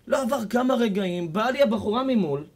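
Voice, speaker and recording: An Israeli rabbi delivers a sermon, retelling encounters with his listeners. His voice sits very high for a man, and he builds from quiet storytelling to fervent, almost shouted declarations. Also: lively intonation. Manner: impassioned storytelling, rising to near shouts. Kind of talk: sermon with retold stories.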